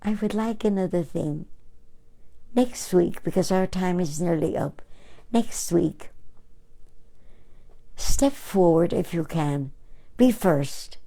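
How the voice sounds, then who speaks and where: Older woman, from Austria, gravelly low voice, slow halting talk, gentle storyteller. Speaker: host, painter. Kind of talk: casual reflective talk.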